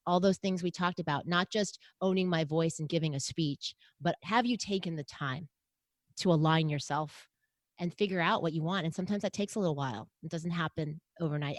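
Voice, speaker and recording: Middle-aged American woman, low-voiced, earnest and motivational, interview guest, dry recording. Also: dry recording. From United States. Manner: earnest, motivational, animated when quoting others. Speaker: podcast host and guest. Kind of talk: interview conversation.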